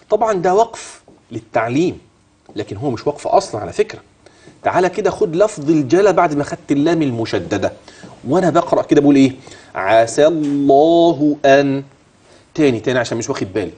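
Lively husky Egyptian tajweed teacher. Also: male voice, fairly high pitch. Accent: Egyptian Arabic. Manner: animated teacher quizzing viewers and modeling slow chanted recitation. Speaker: Quran recitation teacher. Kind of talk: TV tajweed lesson.

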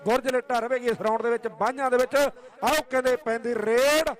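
A man's voice: very high voice, steady tone, a little fast. A man with a Punjabi accent giving live kabaddi commentary and tournament announcements, declaiming and often repeating his phrases.

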